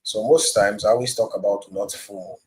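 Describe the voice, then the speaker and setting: A man speaks over a video call in a low, slightly husky voice. He hosts a casual market analysis, walking through a price chart step by step while sharing his screen. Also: steady tone, fairly quick, a little mellow, rough recording. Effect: voice heard over a video call. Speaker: crypto trading host sharing his screen.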